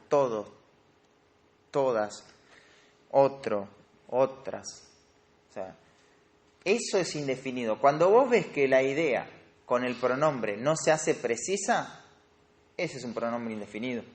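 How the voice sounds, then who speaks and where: A man with a Rioplatense Spanish accent teaching a Bible study class on grammar, explaining step by step and quizzing his students. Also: medium pitch. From Argentina. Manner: explanatory, asks the class questions.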